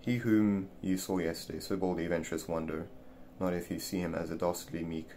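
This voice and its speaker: Deep male reader, halting delivery with restarts, slight room hiss. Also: fairly even intonation, dark tone. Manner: stumbling, repeating words as he reads. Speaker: reader of a classic essay. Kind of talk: reading an old text aloud.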